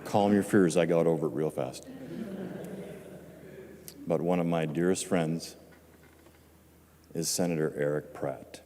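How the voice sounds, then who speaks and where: An older man giving a measured, reflective farewell speech from a legislative chamber floor, with touches of dry humor. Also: very deep voice, steady tone, noisy background. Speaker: departing state legislator. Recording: long reverb of a large chamber.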